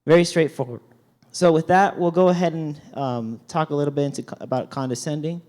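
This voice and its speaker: Soft-spoken, hesitant man leading a church talk. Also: a little high, a little fast. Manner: hesitant, frequent ums and restarts. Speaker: youth talk speaker at church. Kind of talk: church talk with dictionary definitions. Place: speaking up front to a group.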